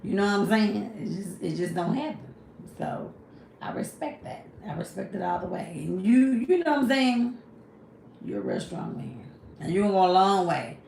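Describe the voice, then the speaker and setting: A woman talks casually on her livestream, answering viewers. Her fairly low voice has a gravelly edge. The sound is roomy and echoey, with a faint hiss behind her. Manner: talks straight to viewers, reads comments and answers them; repeats "you know what I'm saying" often. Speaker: livestream host.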